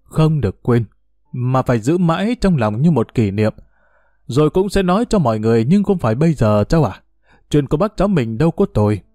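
A man's voice: medium pitch, big pitch swings, fairly quick, warm tone, no echo, studio quality, faint music behind, natural voice. A man voicing a proud, teasing old retired official who talks in a boastful, bureaucratic way. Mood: gentle.

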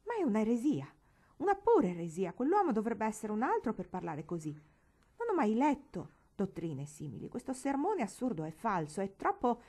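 A woman's voice: fairly high pitch, lively intonation, a little fast, hardly any pauses, a little mellow, voice pushed up. A woman voicing a stern, indignant elderly aunt in a storybook, scolding in an outraged tone.

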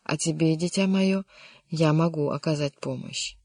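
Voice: medium pitch, steady tone, normal speed, dry recording, close to an everyday voice. A reader voicing a kindly but insistent older king in an audiobook, coaxing and at times vexed. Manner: warm, coaxing, sometimes vexed. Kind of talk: audiobook character reading.

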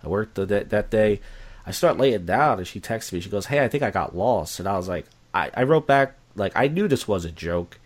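Low-voiced young man telling a story. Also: a little fast. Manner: animated, acts out quoted voices. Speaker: guest. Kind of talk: casual storytelling.

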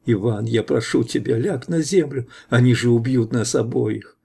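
A man voicing a frightened young woman who pleads in a hushed voice in an audiobook. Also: medium pitch, moderate pace, creaky, breathy edge. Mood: pleading.

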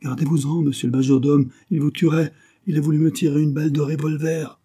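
A man's voice: mid-range voice, a little fast, dark tone, slightly rough, pitched above the performer's own voice. A man voicing a frightened young valet who pleads urgently in an audiobook. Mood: urgent fear. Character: terrified young male valet, servile.

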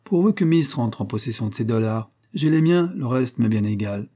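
A man's voice: mid-range voice, lively intonation, moderate pace, mellow, natural voice. A man reading an audiobook, voicing a cocky young Parisian street lad who talks in a boastful, slangy way.

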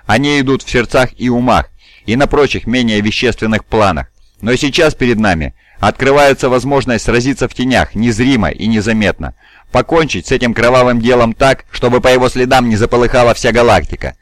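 A man voicing a weary, scheming old male regent who speaks in a measured, cool, persuasive way. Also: medium pitch, no echo, natural voice.

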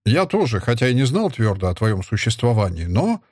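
A man reading aloud, voicing a jovial middle-aged soldier uncle who teases his young nephew in a hearty, lively way. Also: medium pitch, a little fast, husky, dry recording, studio quality. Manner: hearty, teasing.

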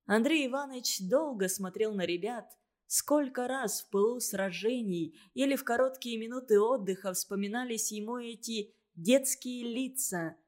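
A woman narrating a story, reading aloud in a calm, even and expressive way. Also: on the high side, normal speed.

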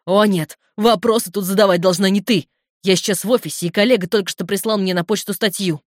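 A woman reading aloud, voicing a furious, protective brother who shouts and swears insistently over the phone. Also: medium pitch, steady tone, quick pace, dry recording, studio quality, natural voice.

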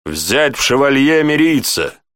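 A barking, hearty lieutenant, as a male reader plays him, snapping orders one moment and joking the next. His voice is pushed well above the narrator's low register, with a lively swing, in a close, dry storybook reading. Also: measured pace, clear, resonant tone, no room sound. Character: commanding male lieutenant, hearty old friend.

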